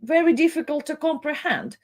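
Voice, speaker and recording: A middle-aged woman from the Soviet Union gives live commentary in a high, slightly mellow voice. She speaks emotionally, pausing and repeating words as she goes.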